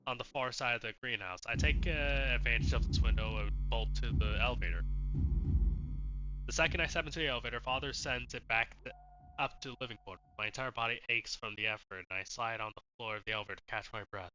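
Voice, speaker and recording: A man's voice: mid-range voice, quick pace, slight background noise. A man streaming a game, reading its story text aloud in a casual, hesitant way with many fillers. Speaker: gaming streamer. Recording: muffled sound over loud game music.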